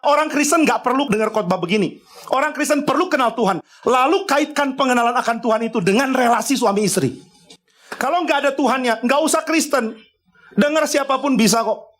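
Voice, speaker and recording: High-voiced man preaching emphatically. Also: brisk, a bit bright. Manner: emphatic, conversational preaching with acted-out dialogues. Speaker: pastor. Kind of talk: sermon. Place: church.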